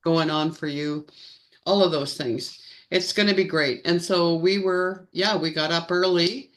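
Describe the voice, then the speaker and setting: A woman's voice: fairly low pitch, fairly even intonation. A woman co-hosting a casual live-stream chat, stretching her words like a show announcer. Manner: slow, drawn-out announcer-style delivery. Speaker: co-host.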